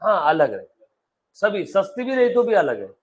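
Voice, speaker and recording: High-voiced man teaching a class. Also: wildly swooping pitch, breathy edge. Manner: quizzes students, calls them beta; reads English text slowly, explains in Hindi. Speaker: accountancy teacher. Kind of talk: live classroom lecture. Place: classroom with students.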